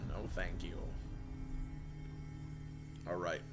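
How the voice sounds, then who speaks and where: A man's voice: low-pitched, monotone, very slow, loud music behind the voice. A man reading creepy stories aloud on a live stream, casual and profane, reacting and chatting with viewers between lines.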